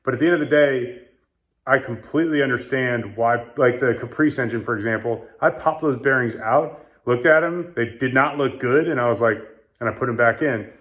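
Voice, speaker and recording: Speaking at a normal pace with a medium-pitched, somewhat bright voice, the car builder behind this channel casually walks viewers through what his parts cost. His tone stays straightforward and unfussy.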